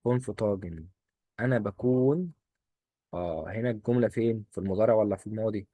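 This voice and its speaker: Quick husky Egyptian teacher, drilling. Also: male voice, lowish voice, dark tone, no echo. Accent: Egyptian Arabic. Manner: quizzing, asks and answers his own questions; coaxing, repeats rules in quick drills. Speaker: German teacher. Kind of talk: exam-prep lesson.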